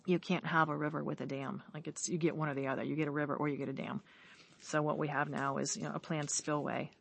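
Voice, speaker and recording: Lady chatting outside in the woods, kinda low voice, rambly and excited, lots of "like". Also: fast talker, vocal fry, breathy edge. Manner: enthusiastic, rambling, heavy use of "like". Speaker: guest on a podcast. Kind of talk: casual conversation. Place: outdoors in woodland.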